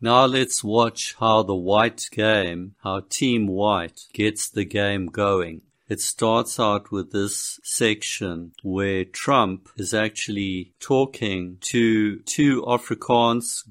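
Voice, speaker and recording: A man delivers a commentary monologue in a slow, deliberate way. His voice sits on the low side, and his manner is blunt and emphatic. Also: fairly bright tone. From South Africa. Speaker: political commentator.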